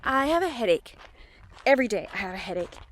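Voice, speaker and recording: A middle-aged woman vlogs on a handheld phone held at arm's length, talking casually and candidly. Her slightly high voice is very animated and quick, and she rambles, often questioning herself with emphasis. The recording is rough, with slight background noise.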